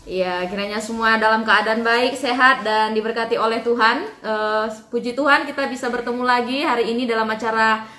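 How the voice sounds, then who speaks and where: A woman hosting an online Bible study, addressing viewers politely with some hesitant pauses. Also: on the high side, steady tone, sharp tone. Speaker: host. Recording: roomy, echoing sound.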